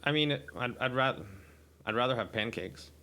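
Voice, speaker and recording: A man's voice: medium pitch, sharp tone. A man improvising as a confused player in a comedy scene, stumbling over his words and firing off questions. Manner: halting, repeats words, keeps asking questions.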